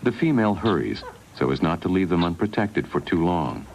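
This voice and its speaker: A man with a very low voice narrates a wildlife documentary in a measured, unhurried way. His pitch moves expressively from line to line. The sound comes from a worn VHS tape copy with steady hiss underneath.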